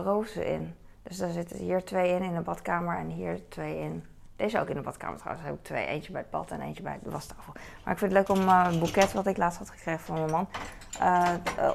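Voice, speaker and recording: Chatty, gravelly-voiced young mother vlogging. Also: fairly low pitch. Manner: chatty and rambling, animated when telling stories. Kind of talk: casual chatty vlog while doing household chores.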